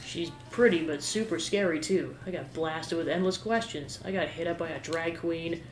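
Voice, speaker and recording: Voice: medium pitch, moderate pace, slight background noise, natural voice. A game player voicing a self-pitying, eager teenage boy with a chatty, complaining manner. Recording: roomy echo with game music behind.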